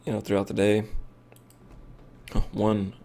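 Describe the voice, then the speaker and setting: A man's voice: on the low side, completely flat delivery, slow pace, vocal fry, mellow. A tired man streaming a game, rambling and thinking aloud with lots of fillers as he comments casually.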